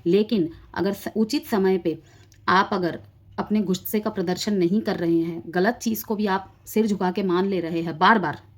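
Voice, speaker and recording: A woman's voice: mid-range voice, steady tone, normal speed. A woman giving a collective tarot reading, explaining the cards straight to her viewers and mixing in English words. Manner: explanatory, addresses viewers directly, drifts between Hindi and English. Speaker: tarot reader.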